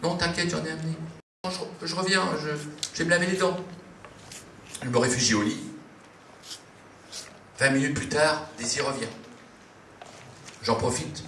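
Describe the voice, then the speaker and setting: Man, storyteller, playful halting delivery, bright voice, echoey room, distant mic. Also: a little high, a little hiss or hum. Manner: playful, halting, with many fillers. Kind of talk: comic storytelling performance. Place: live venue.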